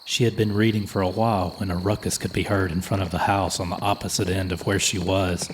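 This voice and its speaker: A man reading a folklore horror story as a slow, measured, solemn scripted narration. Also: low-pitched, little pitch movement, a little hiss or hum. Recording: music playing under the voice.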